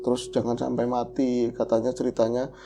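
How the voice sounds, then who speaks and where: A man telling a horror story casually as a podcast co-host, lively and acting out the voices of the people in it. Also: mid-range voice, brisk, noisy background.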